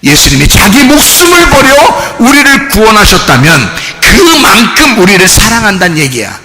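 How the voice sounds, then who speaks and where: Animated man preaching in an echoing church. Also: sits high, normal speed. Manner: animated, acts out quoted children and fathers, shouts for emphasis. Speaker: pastor. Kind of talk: sermon. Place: church sanctuary. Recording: long hall reverb, faint noise.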